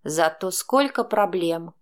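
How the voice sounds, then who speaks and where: A woman's voice: medium pitch, moderate pace, lightly acted. A woman voicing a cold, sarcastic middle-aged mother who speaks in a cutting, scornful way.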